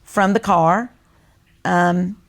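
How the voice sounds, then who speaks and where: Reminiscing and telling stories in relaxed conversation, this co-host is a North Carolina woman in her sixties with that state's Southern American accent. She talks very slowly in a lowish, gravelly voice with a steady tone.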